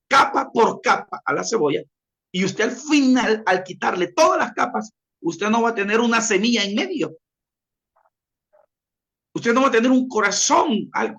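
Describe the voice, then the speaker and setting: A man gives a classroom lecture, leaning on repeated examples and addressing his listeners directly. His pitch moves a lot, rising and falling as he explains. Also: vocal fry, a bit bright. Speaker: teacher.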